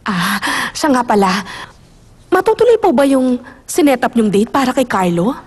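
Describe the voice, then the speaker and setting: A woman's voice: a little high, very animated, moderate pace, reverberant, long reverb tail. A woman playing a polite, deferential middle-aged mother in a dubbed drama. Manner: polite, respectful with po.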